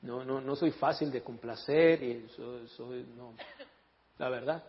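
A man's voice: medium pitch, slow pace, husky. A man preaching a sermon in a church, telling stories with jokes and switching into English to read scripture. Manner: animated storytelling, joking with the congregation; reads scripture in English and Spanish. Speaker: pastor. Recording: echoey hall, dull lo-fi sound.

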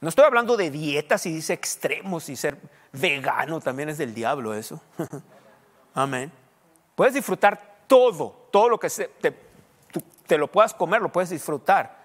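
A man's voice: on the high side, lively intonation, moderate pace, a bit bright. A man, a pastor preaching in a conversational way that rises to emphatic questions. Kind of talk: sermon. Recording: long hall reverb.

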